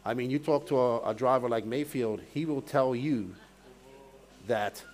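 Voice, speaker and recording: A Bermudian man with a Bermudian accent works as a race commentator, chatting casually with live-stream viewers. His medium-pitched, slightly mellow voice keeps a measured pace. Background noise is clear, with outdoor event ambience.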